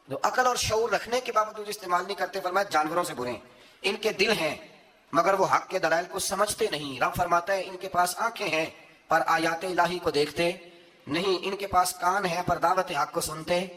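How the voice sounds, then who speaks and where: A man delivering a sermon. He tells stories and laughs lightly as he goes, weaving in recited verses and couplets. His tone stays unhurried and conversational. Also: high voice, pushed and bright, a little hiss or hum. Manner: storytelling with frequent chuckles. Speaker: preacher.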